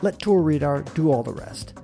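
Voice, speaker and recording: An American man hosting a casual travel podcast, talking in an animated way and swearing now and then. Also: on the high side, normal speed, creaky, soft background music. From United States. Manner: animated, swearing, mimics others in quotes. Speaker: podcast host.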